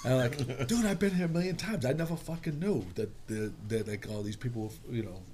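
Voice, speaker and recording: A man's voice: medium pitch, lively intonation, fast talker, a little mellow, slight background noise. A man in casual chat who tells stories with lots of swearing and restarts. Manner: profane, storytelling with many restarts.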